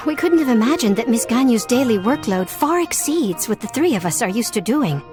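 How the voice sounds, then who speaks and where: A woman's voice: on the high side, very animated, normal speed, over music. A woman playing a polite, overworked private secretary in a video game. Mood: weary, relieved.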